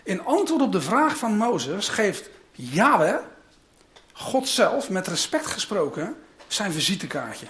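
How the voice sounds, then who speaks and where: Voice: mid-range voice, very animated, slow, a bit bright, a little hiss or hum. A preacher giving a sermon, telling the story dramatically and dropping in casual asides to the listeners.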